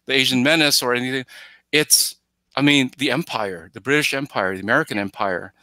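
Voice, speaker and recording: This middle-aged man, a guest commentator on a podcast, talks films in a loose, emphatic ramble and slips into quotes he imagines. He's on a headset during a video call from a plain indoor room. The delivery is fairly quick, pushed and bright at medium pitch, with no room sound.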